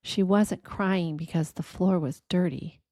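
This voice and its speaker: Slow, soft-toned woman reading reflectively. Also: lowish voice, no room sound, clean studio sound. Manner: gentle, deliberate, with short phrases and pauses. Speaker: narrator of a reflective spiritual reading. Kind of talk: quiet, reflective scripted reading.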